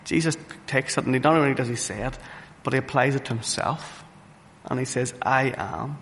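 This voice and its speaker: Male preacher, mid-pitched and gravelly, earnest sermon with halting restarts; faint room noise. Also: a bit bright. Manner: earnest, repeats phrases for emphasis, frequent restarts. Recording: reverberant hall with faint ambient noise.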